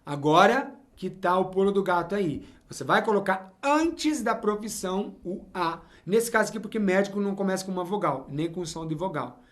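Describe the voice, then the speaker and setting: Lively high-voiced Brazilian-born male teacher. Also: moderate pace, hardly any pauses. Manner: lively, talks straight to the viewer with frequent "tá?" and "ok?". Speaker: English teacher. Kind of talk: explaining English grammar to learners.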